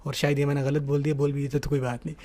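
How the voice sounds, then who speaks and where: Man teaching grammar with a higher voice. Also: little pitch movement, a little mellow. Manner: explanatory, asks "ٹھیک ہے نا" often; mixes English words into the talk. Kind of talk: online grammar lesson.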